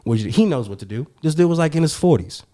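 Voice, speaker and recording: A man co-hosting a podcast, telling a story in a casual, animated, profane way. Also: on the high side, quick pace. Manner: animated, profane, slangy, says "bro" often. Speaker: podcast co-host.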